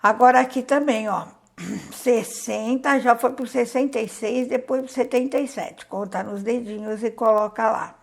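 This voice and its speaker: Her voice is a little high and creaky, and she talks at a normal speed. This Brazilian primary teacher, with a Brazilian Portuguese accent, reads out and explains a school worksheet to young pupils, counting aloud patiently and questioning them.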